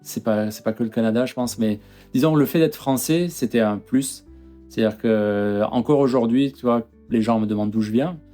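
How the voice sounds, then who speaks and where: A man's voice: medium pitch, normal speed, mellow, faint music behind. A man from France in his thirties, talking casually as an interview guest, hesitant with many fillers and restarts.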